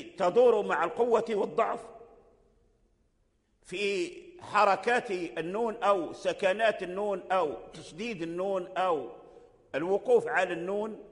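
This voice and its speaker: High-voiced sheikh, echoing hall. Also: male voice. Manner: repeats phrases, slow deliberate explanation. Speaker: sheikh teaching Quran recitation. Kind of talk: religious lecture. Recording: long hall reverb.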